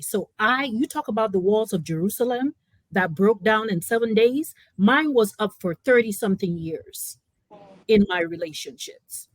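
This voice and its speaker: A woman's voice: mid-range voice, no echo, low-quality recording. Emphatic woman speaking at a panel, dry sound. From born in California, raised in Africa. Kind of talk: impassioned personal testimony in a panel discussion.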